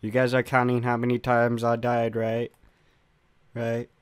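A young gamer narrates his own Minecraft parkour attempts in a smooth, monotone voice at a measured pace, with no echo on the recording. When he fails, he rages, swearing and yelping as his voice cracks high.

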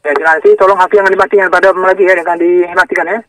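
Rapid-fire, insistent man over the phone. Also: high voice, level tone, fairly bright tone, no room sound, far from the mic. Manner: insistent, repetitive, checking for understanding. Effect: heard over the phone. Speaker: phone scam caller. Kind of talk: fast, repetitive instructions over the phone. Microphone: phone call. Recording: phone call audio.

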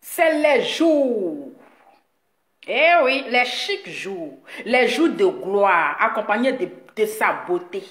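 Woman mocking a critic in slow, drawn-out teasing. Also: mid-range voice, lively intonation, fairly bright tone. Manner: mocking and teasing, drawn-out words, frequent laughter. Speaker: video blogger addressing her audience. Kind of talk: boastful direct-to-camera rant. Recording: echoey room.

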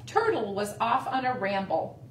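A woman's voice: a little high, a little slow, a little hiss or hum. Sing-song woman reading to children. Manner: sing-song, gentle, expressive. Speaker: children's librarian. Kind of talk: storytime read-aloud. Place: library. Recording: roomy, distant mic.

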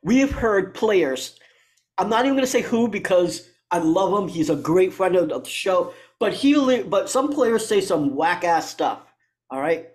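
Blunt, high-voiced podcast co-host. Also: male voice, very animated, normal speed. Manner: blunt, argumentative, profane. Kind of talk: casual sports podcast chat.

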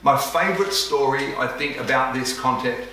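Male pastor, lively storytelling sermon, bright voice, distant echoey pickup. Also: mid-range voice, moderate pace, slight background noise. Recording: echoey room, voice from far off.

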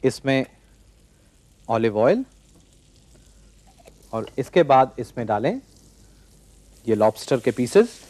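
A man in his forties hosting a TV cooking show, calmly explaining a recipe step by step from a studio kitchen set. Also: mid-range voice, slow, long pauses. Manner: calm step-by-step instructing. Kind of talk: cooking demonstration.

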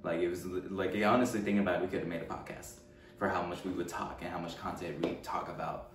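A man in his twenties from Richmond, California, sits in a room at home answering documentary interview questions hesitantly, with many fillers and restarts. His low voice is quick with a steady tone. A far camera mic picks him up distantly, with roomy echo and a faint hum.

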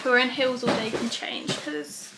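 A woman's voice: on the high side, animated, moderate pace, very noisy. Chatty young woman, slightly lispy. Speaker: vlogger. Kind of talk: casual vlog chat.

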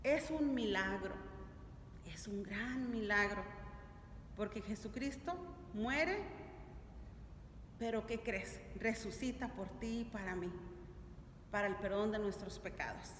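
A middle-aged catechism teacher with a mid-range, fairly bright voice speaks slowly with long pauses. Addressing families in a large stone church, she teaches didactically and asks check-in questions, and the far-off camera records plenty of echo and noise.

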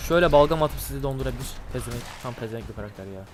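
A man with a nasal, blocked-nose voice, casually commenting on a game he is playing, swearing and breaking into excitable outbursts. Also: medium pitch, rapid-fire, noisy background. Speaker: gameplay commentator. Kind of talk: casual let's-play commentary. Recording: gunfire and game music behind.

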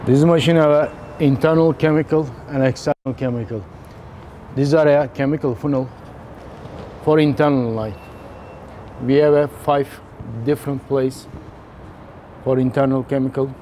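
A man in his thirties on a factory floor, explaining machine installation step by step in halting, simple phrasing. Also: medium pitch, fairly even intonation, dark tone, slight background noise. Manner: halting non-native phrasing, slow and step-by-step. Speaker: technician demonstrating machine installation. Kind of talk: instructional walkthrough.

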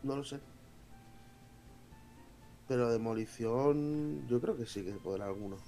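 A man's voice: mid-range voice, unhurried, dark tone, faint music behind. A man casually chatting while playing a video game with a friend, reading out viewer comments with a joking tone. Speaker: let's play co-host. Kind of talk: casual gaming chat.

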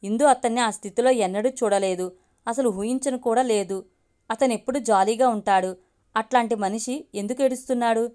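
A woman reading a family story aloud as a steady storyteller. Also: fairly high pitch, moderate pace. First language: Telugu.

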